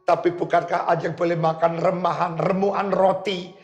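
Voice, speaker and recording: A woman's voice: fairly low pitch, level tone, moderate pace, roomy sound, highs cut off, faint music behind, natural voice. A man preaching in the voice of a desperate mother crying out to Jesus for her sick child. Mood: humble. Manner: crying out, pleading. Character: desperate pleading mother, humble and persistent.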